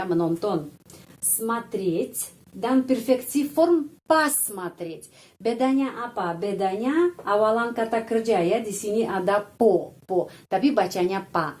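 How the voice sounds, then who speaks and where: A woman teaching a language lesson, explaining words slowly and deliberately. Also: medium pitch, warm tone. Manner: slow, deliberate, spells out foreign words carefully.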